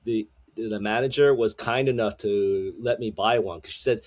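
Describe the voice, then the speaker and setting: A man co-hosting a casual podcast chat. He rambles in a halting way, with many restarts and stammers. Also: fairly low pitch, darkish tone. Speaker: podcast co-host.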